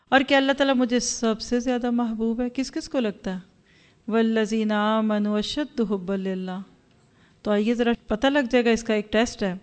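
Earnest woman teaching a religious class. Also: a little high. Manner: earnest, questioning the audience. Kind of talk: Quran lesson to a women's class.

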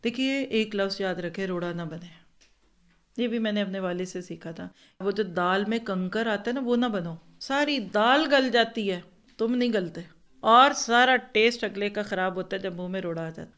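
A woman's voice: mid-range voice, moderate pace, a bit bright. A woman giving an earnest religious lecture to a class of women. She talks in an instructive way, repeats points for note-taking, and acts out different tones of voice as examples. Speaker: religious teacher.

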